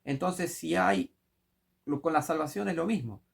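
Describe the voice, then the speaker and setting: A man preaching, his voice gravelly and husky and pitched a little high for a man. He delivers a sermon in an emphatic way and keeps throwing rhetorical questions at the listener. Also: expressive, measured pace.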